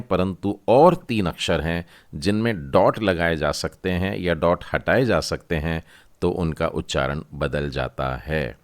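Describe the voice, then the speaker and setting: A man teaching a Hebrew lesson, explaining step by step and repeating each new term. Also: low voice. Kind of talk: classroom lesson.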